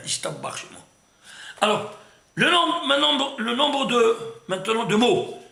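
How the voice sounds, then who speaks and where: Animated rabbi with a gravelly, bright voice. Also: male voice, very high voice, a little slow, reverberant. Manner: lively and emphatic, full of restarts, asks "C'est clair?" often. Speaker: rabbi teaching a class. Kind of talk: animated Torah lesson.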